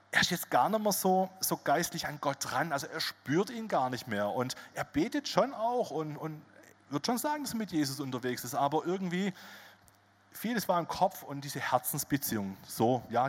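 A man preaching a sermon as pastor, telling stories in a lively way with casual asides. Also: mid-range voice. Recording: long hall reverb.

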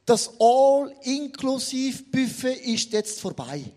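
A man's voice: very high voice, very animated, slow, darkish tone, full character voice. A preacher voicing a stern mother eagle who lays down firm rules for her chicks in a sermon story. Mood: firm, scolding. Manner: firm, emphatic announcing.

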